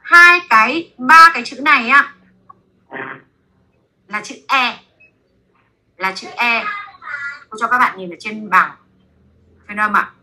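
Bright-voiced woman teaching French. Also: a little high. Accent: Vietnamese. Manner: repeats words slowly for students to echo. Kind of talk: teaching pronunciation to a class. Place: classroom.

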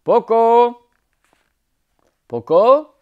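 A man voicing an excited father who calls out loudly in a children's storybook reading. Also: moderate pace, phone-quality sound. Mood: calling. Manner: loud and high, calling. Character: excited, booming male father calling out.

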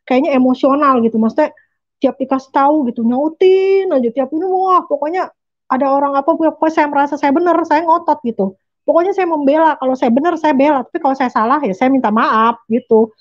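A chatty woman hosts a relaxed interview, her voice sitting high and bright. She talks easily and laughs often, and the recording sounds a little dull and lo-fi. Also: a little fast. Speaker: host. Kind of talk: casual interview chat.

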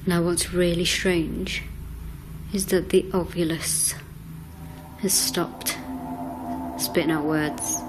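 A woman investigating the paranormal, slowly and deliberately questioning an unseen spirit during a ghost-hunting vigil. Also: on the low side, fairly even intonation, noisy background.

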